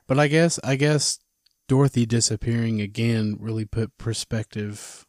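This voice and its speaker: A man co-hosting a podcast in casual chat, chiming in with quick comments and asides. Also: mid-range voice, darkish tone, no room sound, clean studio sound. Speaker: podcast co-host.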